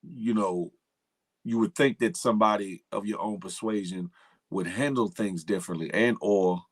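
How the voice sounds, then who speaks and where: Male host, somewhat low voice, informal conversational delivery with repeated phrases. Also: moderate pace, breathy edge. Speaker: show host. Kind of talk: casual chat.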